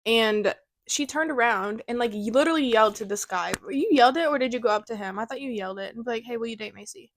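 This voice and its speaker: A woman's voice: on the high side, fast talker, dry recording. A young woman from the co-hosting a podcast, telling stories in a chatty way with playful asides. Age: young adult. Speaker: podcast co-host. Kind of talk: casual chat.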